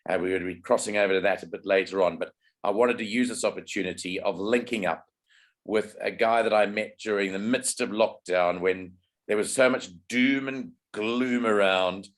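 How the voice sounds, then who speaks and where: A man from South Africa hosting a horse racing podcast, chatty and loose as he leads an interview. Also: on the low side. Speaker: podcast host. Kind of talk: interview conversation.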